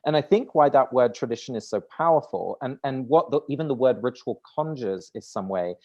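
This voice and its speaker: Animated and fairly quick, a mellow mid-range voice comes through lo-fi: a guest author in his thirties from the Netherlands, a native Dutch speaker. During a conversational interview he talks his ideas through, regularly backing up to restart and repeating words.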